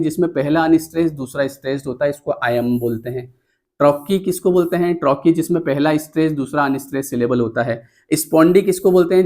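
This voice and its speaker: Male tutor, exam-prep lecture voice-over, talks through slides step by step, counts items aloud, pitch a bit high. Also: a little mellow. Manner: explains step by step with frequent "है ना?" check-ins; counts items aloud while pointing at the screen. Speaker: teacher.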